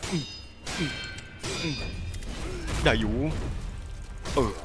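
A young man giving casual let's-play commentary, profane and excitable, swearing constantly while he plays. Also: very slow, music in the background. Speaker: gaming YouTuber.

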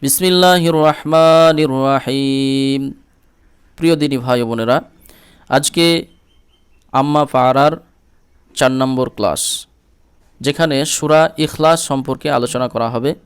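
A man from India teaching Quran reading, spelling each letter and vowel step by step and chanting the verses slowly between explanations. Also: mid-range voice, smooth. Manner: slow drawn-out chanted recitation between explanations; asks "ঠিক আছে?" to check understanding. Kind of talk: Quran recitation lesson.

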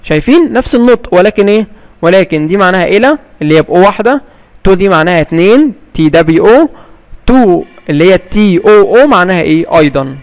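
A man with an Egyptian Arabic accent explaining English grammar like a classroom teacher. He asks questions and answers them himself, and he reads the English examples slowly and carefully. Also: high-pitched, lively intonation, in a large hall.

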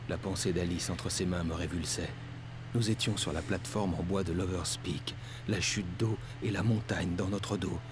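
A man voices an anguished writer in a video game. His voice sits low, with a grave, brooding delivery. There is clear noise behind it. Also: natural voice. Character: brooding, anguished male writer narrating his own thriller. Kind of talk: scripted video game narration.

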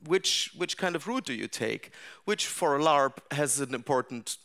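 A middle-aged larp designer gives a conference talk to a seated audience in a dark seminar room, his voice at a normal middle pitch. He's animated but thoughtful, restarting phrases and filling gaps with "uh" and "um" as he works through each idea.

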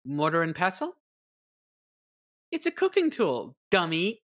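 A woman's voice: on the low side, huge pitch swings, a little slow. A woman streamer chatting casually during a game, playful and teasing, with casual swearing. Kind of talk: casual gameplay banter.

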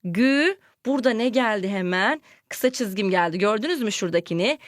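A woman teaching a lesson to young children, lively and questioning, acting out example sentences with exclamations. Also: mid-range voice, fast, dry recording, studio quality. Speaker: primary school teacher.

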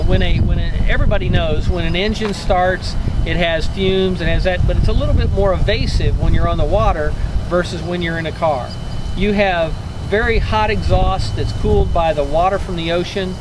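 High-voiced man talking at a windy marina. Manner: hesitant, restarts phrases, gestures while talking. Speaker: sailing club representative. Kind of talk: introducing a topic to camera. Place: outdoors on a marina dock. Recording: loud wind and boat noise outdoors.

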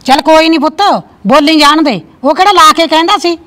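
A middle-aged actress with a Malwa Punjabi accent plays a consoling village mother and aunt who talks in a gentle, motherly way in a short film drama. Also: sits high, a little fast. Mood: soothing. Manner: soothing, motherly. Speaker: actor.

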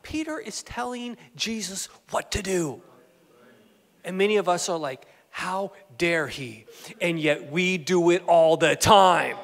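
A man preaches a lively, conversational sermon with a notably high voice, tossing questions and asides to his congregation. His voice rings out with a long reverb in a church sanctuary. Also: unhurried. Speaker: pastor.

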